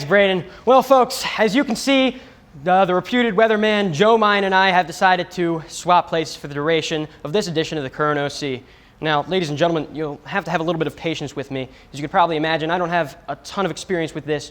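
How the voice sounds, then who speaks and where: A young man fills in as the weather presenter for a comic segment, his voice on the high side and a bit bright. He plays it goofy and mock-serious, poking fun at himself.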